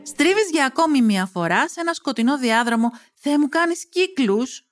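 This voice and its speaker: A woman narrates a comic tale in the second person, with slang and wisecracks throughout. Her voice sits a little high and swings widely in pitch. She sounds playful and sardonic. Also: lively intonation, soft background music. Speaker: storyteller.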